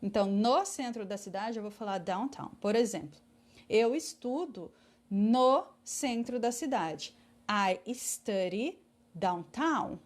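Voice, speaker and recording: A woman teaching English in an online class, patiently explaining and repeating English words slowly for pronunciation. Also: a little high, expressive, darkish tone.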